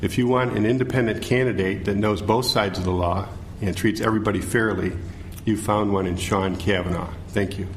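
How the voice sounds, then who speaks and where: A middle-aged American man giving formal answers as a forum candidate, halting and stumbling over words. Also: on the low side, fairly even intonation. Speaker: judicial candidate, city attorney. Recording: faint background noise.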